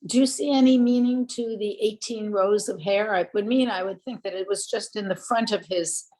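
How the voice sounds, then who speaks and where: A woman's voice: mid-range voice, moderate pace, darkish tone, poor audio. A woman in a class asking the teacher tentative questions. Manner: inquisitive, tentative. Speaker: student in a class.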